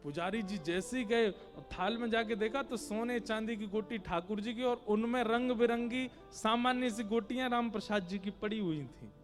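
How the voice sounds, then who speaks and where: High-voiced animated male storyteller. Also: moderate pace, few pauses, faint music behind. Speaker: devotional storyteller. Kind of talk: devotional story sermon.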